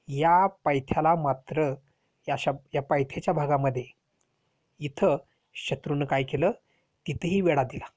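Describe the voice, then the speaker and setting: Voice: mid-range voice, a little mellow. A teacher telling a history lesson to children, explaining step by step and asking rhetorical questions.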